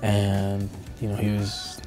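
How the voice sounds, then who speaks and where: A man in his twenties from Costa Rica, a soccer player answering interview questions in a halting way, with frequent fillers and restarts. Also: lowish voice, completely flat delivery, music in the background. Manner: hesitant, many fillers and restarts. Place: indoor studio backdrop.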